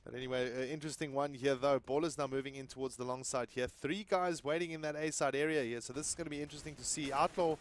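A man from South Africa giving excitable play-by-play commentary on an esports match, rising loudly on big plays. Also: fast, hardly any pauses. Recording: low-quality stream audio.

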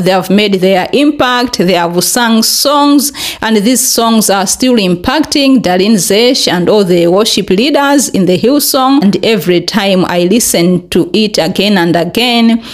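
A young woman from Malawi speaks earnestly into a desk mic in a small bright room. She talks in casual commentary, fills pauses with "uh" and "um", and climbs higher when she stresses a point. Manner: earnest, many fillers, rises in pitch when pressing a point. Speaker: vlogger. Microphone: desk podcast mic in front.

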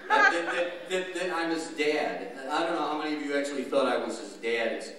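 Lively man in a very echoey theatre. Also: fairly high pitch, a little fast. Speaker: ventriloquist. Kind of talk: live family comedy stage act. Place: theatre stage, microphone on stand. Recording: echoey theatre, distant, crowd behind.

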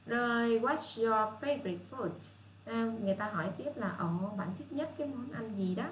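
A woman with a Southern Vietnamese accent teaching children English, patient and repetitive, reading English phrases out slowly. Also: fairly high pitch. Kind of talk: casual spoken lesson for children. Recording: echoey room with faint hiss.

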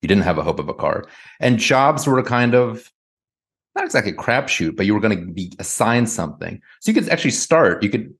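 A man's voice: lowish voice, sing-song, fairly quick, breathy edge. A man from the United States, a guest author answering interview questions in a thoughtful, hedging way, full of "kind of" and "like".

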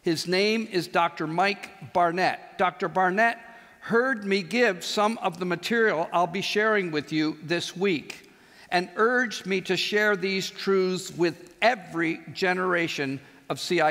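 A high-voiced older man preaches a chapel sermon from a big auditorium stage, speaking into a headset mic. He is animated and leans on slow, emphatic pauses. His voice rings out with a long hall reverb.

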